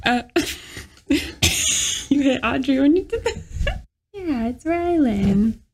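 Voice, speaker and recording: Giggly high-voiced woman co-host. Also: very animated, extremely slow, slight background noise. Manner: giggly, laughs often. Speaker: podcast co-host. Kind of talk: casual chat.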